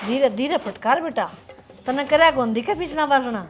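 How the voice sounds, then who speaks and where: Music plays under a high female voice. An actress plays a middle-aged wicked stepmother from a Haryanvi family serial, grumbling and full of self-pity as she airs her grievances in a strong Haryanvi accent. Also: lively intonation, moderate pace. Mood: bitter grumbling. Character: resentful, complaining stepmother and mother-in-law in village family. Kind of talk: web serial family drama acting.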